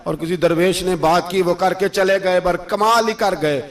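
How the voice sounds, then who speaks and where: A man's voice: high voice, fairly even intonation, normal speed, distant mic. A man preaching an emotional sermon, telling stories with impassioned, rising emphasis.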